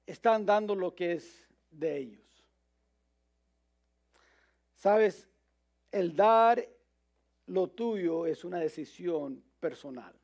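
Man, pastor, high voice, gravelly tone, sermon, stumbling storyteller. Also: animated, very slow, long pauses, darkish tone. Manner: storytelling, with frequent restarts and fillers.

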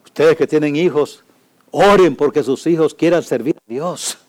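Impassioned pastor preaching. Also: male voice, on the high side, normal speed. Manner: impassioned preaching, swings from loud pleading to hushed warnings. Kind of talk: sermon.

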